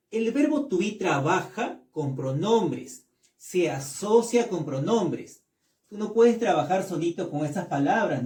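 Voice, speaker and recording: A man with a high, mellow voice teaches a lesson at a slow, patient pace. He repeats each word and keeps checking that his listeners follow. He sounds set back from the mic in an echoey room. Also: far from the mic. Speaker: English teacher. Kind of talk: classroom lesson.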